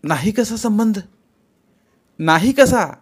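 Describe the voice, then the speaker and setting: A man's voice: a little high, fairly even intonation, moderate pace, voice pushed up, close to an everyday voice. A man voicing a wronged wife who pleads and argues. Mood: desperate. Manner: pleading, agitated. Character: desperate wronged wife, adult woman.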